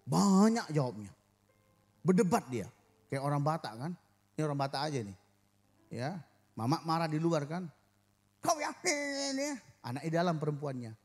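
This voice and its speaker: A male pastor delivers a Sunday sermon in a church with a somewhat high voice that leaps up and down expressively. He jokes with the congregation and acts out the voices of the people he quotes. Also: normal speed, long pauses. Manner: animated, joking with congregation, acting out quoted voices.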